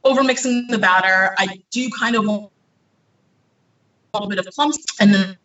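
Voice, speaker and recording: Recorded from a distance in an echoing home kitchen, this baker has a bright, forceful, medium-pitched voice at normal speed. Working through a recipe in a live demo, they explain each step chattily with fillers, a bit winded.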